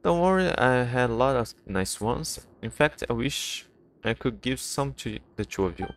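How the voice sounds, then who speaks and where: A man reading the lines of an earnest, gentle little girl telling a story, with hesitant restarts and faint game music behind. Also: medium pitch, lively intonation, moderate pace, a little hiss or hum, close to an everyday voice.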